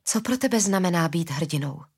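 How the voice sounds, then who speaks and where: A woman reading the lines of a remorseful, stubborn young woman in a storybook, in an emotional, pleading way and with a husky voice. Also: fairly low pitch, expressive, a little mellow. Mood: tender.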